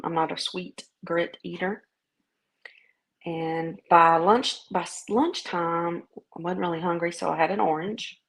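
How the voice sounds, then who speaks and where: A woman from the southern United States with a Southern American accent, talking in a casual video diary in a folksy, halting, rambling way. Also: fairly low pitch, vocal fry. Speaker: vlogger.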